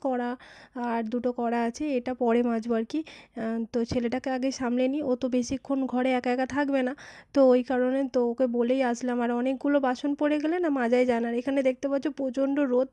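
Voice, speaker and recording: A woman narrating a casual home vlog into her phone, chatty and repetitive, her voice a little hoarse from the heat. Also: high-pitched, dark tone, dry recording. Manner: chatty, repeats herself, many fillers. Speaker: vlogger. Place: home, indoors and on a veranda. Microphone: phone camera.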